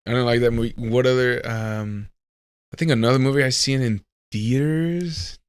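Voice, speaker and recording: A man's voice: medium pitch, steady tone, moderate pace, clear, resonant tone, no echo. A man co-hosting a podcast in casual chat, laid-back and giving short agreeing replies. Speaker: podcast co-host.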